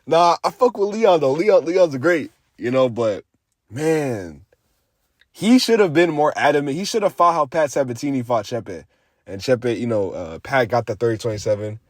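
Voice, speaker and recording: A young adult man giving a casual, rambling MMA recap, profane and animated with lots of fillers. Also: medium pitch, normal speed, no room sound, studio quality. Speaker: MMA commentator.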